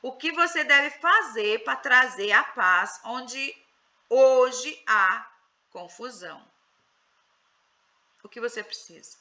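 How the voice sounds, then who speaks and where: A Brazilian woman with a very bright, forward tone and a fairly high voice runs an online group session. She asks questions, prompts the others to chime in, and explains things in a relaxed, conversational way. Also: takes it slowly, long pauses. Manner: questioning, coaxing participants to speak. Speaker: psychoanalyst leading a women's group session. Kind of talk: casual guided group discussion.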